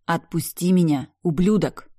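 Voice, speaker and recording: A woman voicing a defiant, furious young woman who snaps back and shouts her defiance, in an audiobook. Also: lowish voice, normal speed, no room sound, studio quality, lightly acted. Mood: angry defiance.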